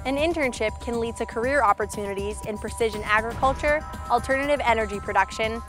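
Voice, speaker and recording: A woman's voice: on the high side, fast, music in the background. A young woman hosting a career show, reading upbeat scripted presenting lines outdoors. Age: young adult. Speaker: host. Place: outdoors on a campus.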